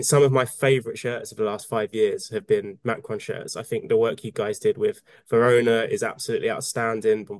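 A man's voice: on the low side, no room sound. Man hosting a podcast, dry close sound. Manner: enthusiastic, builds long questions. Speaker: podcast host. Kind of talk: podcast interview.

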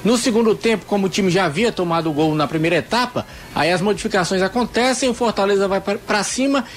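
A man's voice: high voice, fast. A man giving a live spoken football report for radio. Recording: clear background ambient noise.

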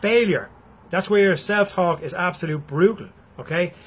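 A man's voice: high-pitched, moderate pace, breathy edge. A man with an Irish accent giving a blunt, freely swearing motivational talk to his viewers. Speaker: motivational speaker.

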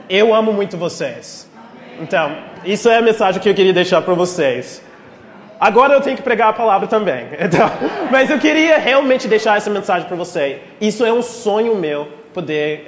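A man from Texas, a native English speaker, preaching in Portuguese with an American accent in a heartfelt, informal way. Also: sits high. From Texas, United States. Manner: heartfelt, emotional, playful asides. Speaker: guest preacher. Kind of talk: informal sermon to a congregation, with prayer. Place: speaking live in a church. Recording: echoey church hall, long reverb, faint noise.

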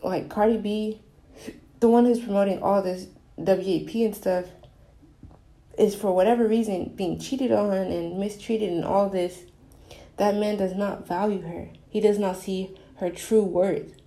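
A woman's voice: medium pitch, fairly even intonation, measured pace, dark tone. A young adult woman giving an earnest, rambling, casual confessional monologue, recorded in an echoey bathroom. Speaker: podcast host. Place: small bathroom, in the bathtub.

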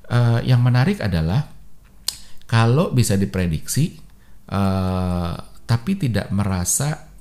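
A man's voice: lowish voice, darkish tone. A man hosting a podcast, explaining in a casual way with slang and lots of fillers. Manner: informal Jakarta slang, many fillers. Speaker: podcast host.

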